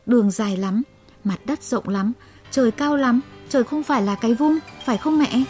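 A woman's voice: fairly high pitch, moderate pace, warm tone, faint music behind, natural voice. A woman voicing a naughty young boy frog who skips school, with a childish, whiny way of talking. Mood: pained plaintive.

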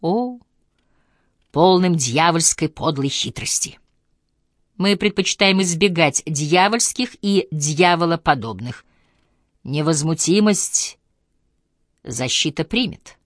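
A woman's voice: low-pitched, animated, slow pace, long pauses, no echo, clean studio sound. A woman reading a genial, reassuring lawyer. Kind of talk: audiobook character voice.

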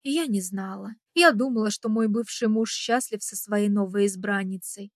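A woman narrating a first-person audiobook in an emotional, expressive way. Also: medium pitch, normal speed, no echo, studio quality.

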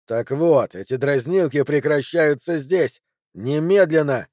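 A man voicing an enraged, violent man with a rough, hoarse voice, snarling as he reads an audiobook. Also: medium pitch, lively intonation, normal speed, darkish tone, no room sound, clean studio sound, close to an everyday voice. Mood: furious. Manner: snarling, spitting rage.

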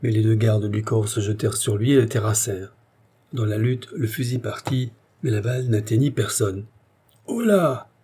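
Husky, dark-voiced male narrator. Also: lowish voice, normal speed. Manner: steady, dramatic storytelling. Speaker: audiobook narrator. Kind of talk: scripted narration.

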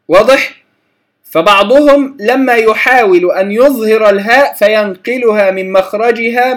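A man teaching Quran recitation, slowly repeating letter sounds to contrast wrong and right pronunciation. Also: high voice, a bit bright. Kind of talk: lecture on letter articulation.

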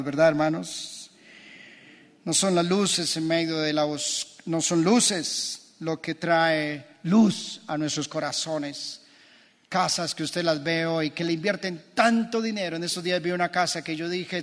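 A man preaching a sermon as pastor, impassioned and building through repeated phrases. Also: fairly high pitch. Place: church. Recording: long church reverb.

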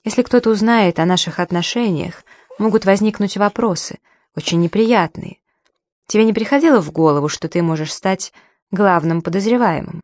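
A woman reading an audiobook, voicing a scornful, cold-hearted woman breaking off an affair, sharp and mocking. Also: mid-range voice, moderate pace, no echo, lightly acted. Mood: mock-sweet. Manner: sharp and mocking, then falsely sweet.

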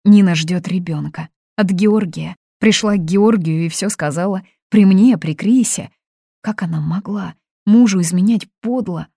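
A woman's voice: a little slow, creaky, dark tone, slightly rough, no room sound, studio quality. A woman reading aloud, voicing a young woman who is crying and pleading in distress. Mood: distraught. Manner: pleading, high-strung. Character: young woman, sobbing, desperate bride-to-be. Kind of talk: audiobook reading.

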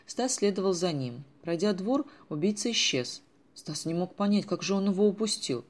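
A man narrating a children's adventure audiobook in a measured storytelling manner. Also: high-pitched, lively intonation. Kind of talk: scripted narration.

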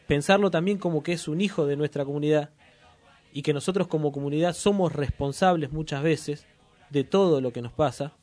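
A man's voice: fairly high pitch, fairly quick, darkish tone, dry recording. A man hosting a radio talk show. He speaks in a reflective, earnest way. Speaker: radio host.

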